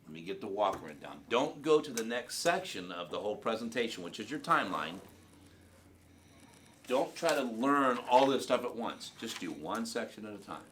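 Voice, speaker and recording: A man's voice: lowish voice, very animated, normal speed, fairly bright tone, slight background noise. A man giving a blunt, profane sales training talk to a group in a training room.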